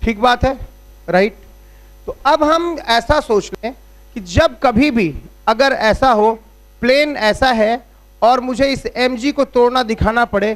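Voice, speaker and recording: A man teaching physics as a classroom lecture at a board, explaining step by step and checking in with rhetorical questions. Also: extremely high pitch. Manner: uses everyday analogies.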